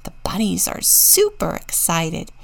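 Slow, gravelly woman deacon. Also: fairly low pitch, wildly swooping pitch. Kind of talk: children's sermon and storybook reading.

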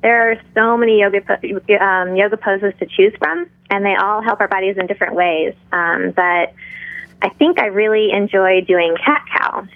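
A middle-aged woman speaking in a calm, measured, instructional manner, like a yoga teacher guiding a class. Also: mid-range voice, no room sound. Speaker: yoga instructor, interview guest. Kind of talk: interview talk with guided breathing and pose instruction. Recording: tinny narrow phone-like line.

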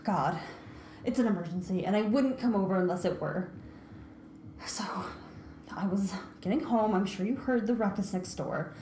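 A woman's voice: medium pitch, normal speed, warm tone, voice pushed down, close to an everyday voice. A woman playing a frantic, easily overwhelmed young woman in an improv comedy scene. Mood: distressed. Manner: frantic and dramatic. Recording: roomy echo, faint noise.

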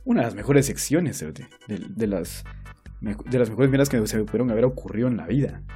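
A man's voice: lowish voice, animated, fast talker, dark tone, faint music behind. A young man with a Guatemalan accent co-hosting a podcast, trading crude, slang-heavy jokes and laughing often. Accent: Guatemalan Spanish. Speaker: podcast co-host. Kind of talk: casual chat.

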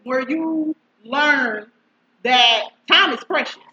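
A woman's voice: high voice, slow pace, sharp tone. A woman, a guest in a casual barbershop debate, arguing emphatically and laughing as she talks. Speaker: panel guest. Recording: echoey, muffled, faint hiss.

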